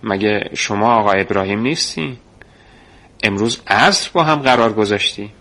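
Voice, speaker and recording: A man voicing a calm, secretive grown man who speaks in a reassuring, confiding way. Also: lowish voice, heavily acted. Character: calm secretive middle-aged man recruiting a boy.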